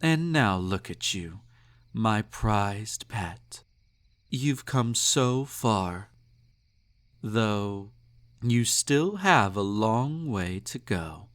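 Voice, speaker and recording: A man's voice: on the low side, animated, drawn-out words, a bit bright, full character voice. A man playing a snobby, possessive emperor in an intimate romantic audio roleplay, indulgent and menacing, with a haughty, purring, condescending delivery. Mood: smug, tender, teasing.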